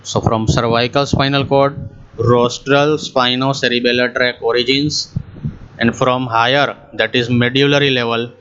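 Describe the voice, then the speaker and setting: A man giving a slow, deliberate anatomy lecture, switching between Hindi and as he walks through a diagram. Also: medium pitch, level tone, fairly bright tone, clean tone. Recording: muffled, slightly lo-fi screen recording.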